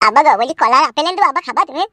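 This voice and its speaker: A woman's voice: high-pitched, lively intonation, racing, pushed and bright, dry recording, voice pushed down. A woman voicing a hot-headed young man who swears and vows revenge, in a comedy cartoon. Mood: worried. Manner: fierce, swearing threats.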